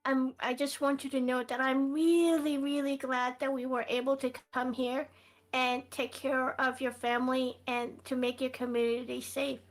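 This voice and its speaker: A woman's voice: sits high, flat delivery, moderate pace. A woman playing in a tabletop game, polite and hesitant, with many fillers. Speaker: player. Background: faint background music.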